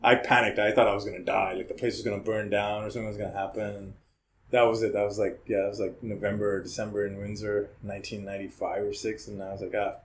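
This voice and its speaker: As a podcast guest in an easygoing conversation, this man, a criminal defense lawyer in his forties with a Hong Kong upbringing, tells stories at a quick pace. His voice is on the low side with little pitch movement, and "right?" often closes his sentences.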